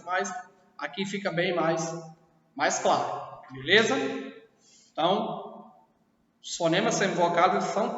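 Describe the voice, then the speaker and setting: A man's voice: high-pitched, fairly bright tone. A Brazilian man teaching a lesson, explaining patiently and often checking that students follow along. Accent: Brazilian Portuguese. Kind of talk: classroom lesson. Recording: echoey distant lo-fi room recording.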